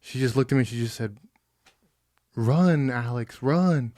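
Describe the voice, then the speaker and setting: A man's voice: medium pitch, measured pace, dark tone. A man co-hosting a podcast, chatting casually and telling stories with a straight face. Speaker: podcast host. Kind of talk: casual chat.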